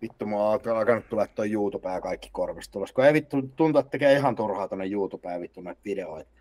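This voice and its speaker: A man's voice: fairly low pitch, mellow. A man talking as a guest on a podcast, telling stories casually with a lot of swearing. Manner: profane anecdotal storytelling.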